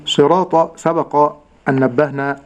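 A man teaching Quran recitation rules, explaining in a measured way and drawing out each example word slowly. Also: a little high, fairly even intonation, lo-fi sound, soft background music. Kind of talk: tajweed lesson with slow demonstrations.

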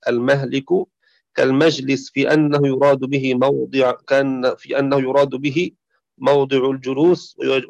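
A man giving a lesson on Quran reading variants, reading from a text and reciting verses slowly in a chanted tone. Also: medium pitch, no echo. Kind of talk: explanatory lecture reading from a text.

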